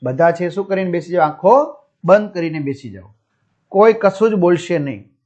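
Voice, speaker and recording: A man reads a story aloud to young pupils, restating each line in simpler words and checking in with them as he explains the school lesson. His voice sits high with a darkish tone, animated and at a moderate pace. The recording has a dull lo-fi quality.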